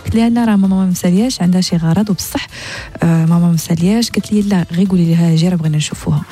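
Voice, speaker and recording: A woman's voice: on the low side, racing, mellow, breathy edge. A woman with a Moroccan accent telling a story conversationally on the radio, mixing in French words. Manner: mixes French into her speech. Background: faint music.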